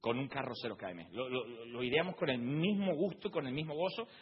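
Pastor man, husky voice, funny animated sermon, muffled recording. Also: medium pitch, brisk. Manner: animated, comic, bursts into loud exclaims. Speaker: preacher. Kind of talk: humorous sermon storytelling. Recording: muffled audio with long hall reverb.

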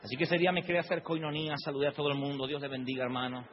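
A man preaching a humorous sermon, telling stories in an animated, comic way with loud outbursts. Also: on the high side, very fast, slight background noise. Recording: muffled audio with long hall reverb.

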